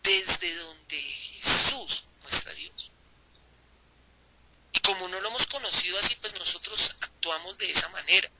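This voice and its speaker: A man's voice: high voice, measured pace, sharp tone, a little hiss or hum, rough recording. A man with a Colombian accent leading a Bible study group, often putting rhetorical questions to his listeners and repeating phrases.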